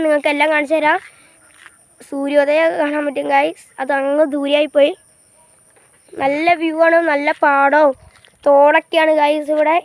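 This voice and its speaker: Woman, high voice, little pitch movement, casual outdoor vlog, old phone recording, rural fields, halting and repetitive. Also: no room sound. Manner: halting, repeats herself, constantly says "guys"; talks while riding a bicycle. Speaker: vlogger. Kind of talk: casual walking-tour vlog. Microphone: old phone camera.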